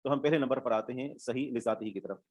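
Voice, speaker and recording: A man teaching an online religious studies class. He explains each term patiently, repeats key words and checks that his students are following. His voice sits at a middle pitch and sounds dry and close to the mic. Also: quick pace, a little mellow, dry recording. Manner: explains step by step, repeats terms, checks understanding.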